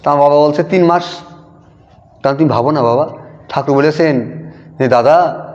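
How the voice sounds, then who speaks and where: A man telling a personal devotional story in a lively way, quoting conversations and repeating lines for emphasis. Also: a little high, moderate pace. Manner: animated retelling, quotes dialogue with emphatic repetition. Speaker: devotee sharing a testimony. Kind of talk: storytelling testimony. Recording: dull audio in a long-reverb hall.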